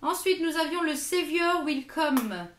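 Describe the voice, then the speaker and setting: A woman's voice: high-pitched, animated, unhurried, echoey room, slight background noise. A French woman reviewing lipsticks in her own vlog, hesitant and full of fillers and repeated words. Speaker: beauty vlogger. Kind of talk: product review.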